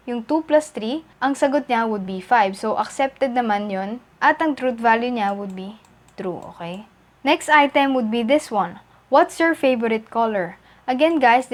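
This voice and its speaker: A woman with a Filipino accent teaching a step-by-step lesson as a tutor, switching between two languages midsentence. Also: on the high side. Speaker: math tutor. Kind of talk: instructional video lesson, explaining step by step.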